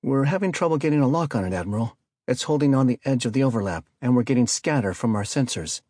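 A man's voice: medium pitch, lively intonation, a little mellow, no echo, studio quality, voice pushed up, lightly acted. A man doing an urgent young weapons officer. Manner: quick, urgent reports.

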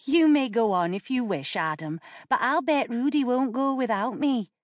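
Audiobook: woman doing a sparky young noblewoman, raised pitch, teasing and bold. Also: lively intonation, moderate pace, dry recording, clean studio sound, close to an everyday voice. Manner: teasing, spirited. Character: mischievous bold noble girl, defiant.

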